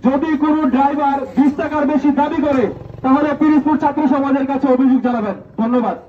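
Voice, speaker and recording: A man's voice: very high-pitched, fairly even intonation, quick pace, a little hiss or hum. Man making a formal announcement through a megaphone. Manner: repeats each phrase twice, announcer-like. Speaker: student group organizer. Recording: distant, echoing, dull megaphone sound outdoors.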